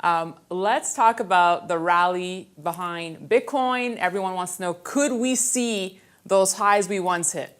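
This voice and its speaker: A woman news anchor hosting an interview in a TV studio, with a lively anchor delivery. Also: on the low side, measured pace, hardly any pauses, clear, resonant tone.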